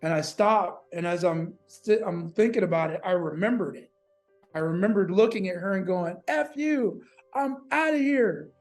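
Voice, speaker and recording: A man telling a personal story in an interview, animated and casual, swearing and acting out what people said. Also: sits high, normal speed, soft background music. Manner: animated, acts out quotes, casual and profane.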